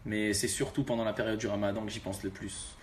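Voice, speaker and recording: A man's voice: fairly low pitch, little pitch movement, fast talker, a little hiss or hum. A young man from Algeria, a rapper, talking casually to his fans with laid-back street slang.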